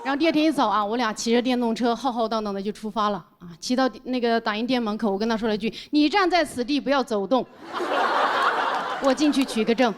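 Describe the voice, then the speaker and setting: High-voiced woman doing stand-up. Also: racing, hardly any pauses, slight background noise. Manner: animated, exclamatory storytelling. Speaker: stand-up comedian. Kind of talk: stand-up comedy storytelling. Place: comedy stage with audience.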